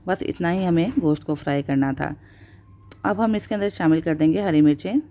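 A woman with a low, dark, mellow voice talks viewers through a recipe in a voice-over. Her delivery is steady and instructional, peppered with blessings. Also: fairly quick. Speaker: cooking channel host. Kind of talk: voice-over cooking tutorial.

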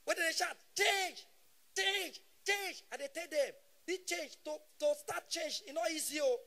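Talking a little fast in a very high-pitched voice, a comedian in his thirties delivers animated stand-up with a Nigerian Pidgin English accent. He shouts the punchlines.

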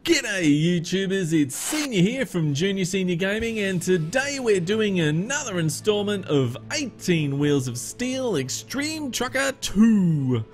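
A man's voice: high-pitched, very animated, a little slow, hardly any pauses, faint music behind. Chatty Australian man narrating a truck game. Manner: chatty, rambling, thinks aloud while driving. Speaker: gaming channel host. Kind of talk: casual let's-play commentary.

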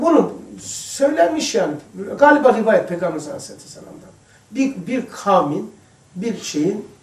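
A man giving an informal religious lesson to a small group, chatty and addressing listeners by name, moving between hushed asides and emphatic passages. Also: sits high. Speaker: religious teacher. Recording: echoey room, distant mic.

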